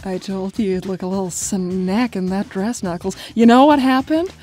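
A woman's voice: medium pitch, normal speed, warm tone, natural voice. A woman voicing a sultry, teasing female bat treasure hunter with a flirty, sassy drawl in a cartoon comic dub.

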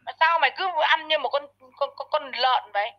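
A woman's voice: high voice, brisk. A woman delivering a ranting commentary, scolding harshly and insultingly and often stuttering over repeated words. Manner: frequent stammered repeats. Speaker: online commentator. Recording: dull lo-fi audio.

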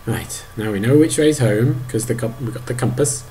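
A man in his thirties narrating a video game to his toddler, animated, exclaiming and making playful sound effects. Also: mid-range voice, moderate pace, slight background noise. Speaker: parent playing a video game.

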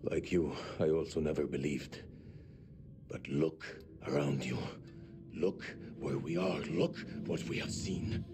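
A very deep-voiced, solemn Middle Eastern soldier. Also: male voice, slow, creaky, exaggerated voice. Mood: grave, awed. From Iraq. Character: grave, weary Iraqi army lieutenant, a man. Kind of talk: dramatic video game acting. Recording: game music behind the voice.

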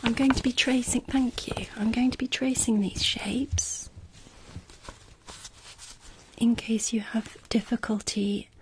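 A woman whispering an eye-exam ASMR roleplay in a soft, gently encouraging, deliberate manner with dry playful humor. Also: on the high side, fairly even intonation, rough recording. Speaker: ASMR creator playing an eye examiner.

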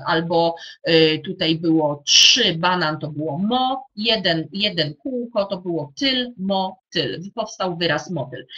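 Woman, primary teacher, bright tone, halting delivery full of fillers, dull lo-fi sound. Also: medium pitch, breathy edge. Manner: hesitant, many fillers and restarts; addresses fellow teachers directly. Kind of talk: explaining a classroom coding activity.

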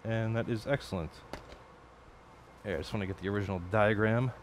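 Brisk and steady, an adult man speaks in a fairly low voice with a little hiss or hum in the background. He's an electronics hobbyist streamer building a project at his home workbench late at night, chatting loosely, profanely and correcting himself.

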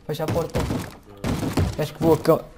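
A man with a European Portuguese accent giving casual, excitable, slangy commentary to viewers while he plays a game at his computer. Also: a little high, a little fast, noisy background. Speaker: gameplay commentator. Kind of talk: casual let's-play commentary. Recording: keyboard clicks and typing behind.

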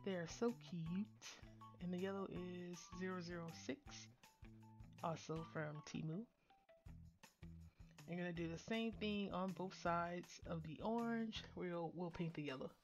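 A woman's voice: on the low side, measured pace, muffled recording, over music. A woman narrating her nail art tutorial in a casual, chatty voice-over that rambles with fillers and restarts.

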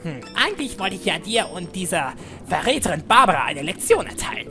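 Ein Mann liest einen großspurigen Bösewicht. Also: male voice, sits high, big pitch swings, brisk, pushed and bright, soft background music, heavily acted. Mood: gloating.

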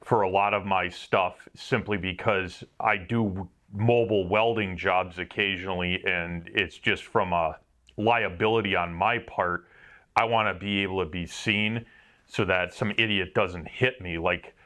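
A man's voice: low voice, steady tone, measured pace, a bit bright. A man with a Wisconsin accent, a welder casually reviewing work gear in a rambling, self-mocking way. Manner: rambling, offhand, self-mocking, with some swearing.

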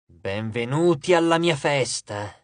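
A menacing earth goddess speaks in a low, hushed, hissing murmur, voiced by a man reading an audiobook. She drags her words out slowly and mockingly, her tone husky and close. The sound is dry, like a studio booth. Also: sing-song, no room sound, full character voice. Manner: slow and taunting. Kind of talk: audiobook character voice.

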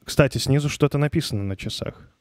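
A man with a mid-pitched voice gives casual commentary as a game streamer. He mutters to himself in puzzlement, slips in swear words and talks to his chat, recorded close and dry on a streaming microphone. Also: a little fast, a little mellow, dry recording. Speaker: live streamer. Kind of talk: casual gaming live stream commentary, reading and answering chat.

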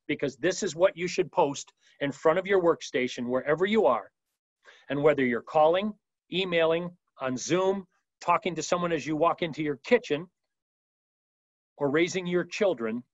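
A man presenting a business training webinar in a lively, emphatic way, now and then acting out sample voicemails. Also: fairly high pitch, normal speed, no echo, lo-fi sound. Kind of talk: energetic business training talk. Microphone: video call mic.

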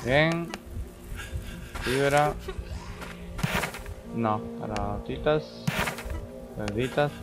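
A man talks his way through a game session in a loose, rambling way, thinking aloud as he goes. His voice sits at an ordinary middle pitch. Game music plays clearly behind him. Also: very slow, pauses often. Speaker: gaming channel host. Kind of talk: casual gameplay commentary.

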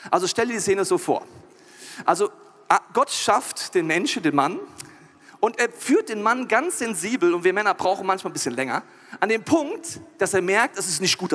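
A male pastor preaching a lively, joking sermon and talking directly to the crowd. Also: high-pitched, a little fast.

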